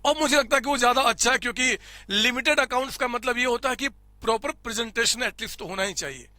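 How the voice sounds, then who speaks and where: High bright-voiced male accounting teacher. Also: fast, no room sound. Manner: explains step by step, repeats numbers aloud, addresses students as children. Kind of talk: classroom lecture. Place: recording studio. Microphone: close studio mic.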